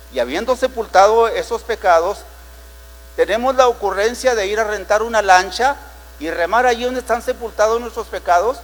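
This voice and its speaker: Preaching man in a reverberant church hall. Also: sits high. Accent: Mexican Spanish. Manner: preaching with dramatic retellings and rhetorical questions. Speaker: pastor. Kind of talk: sermon.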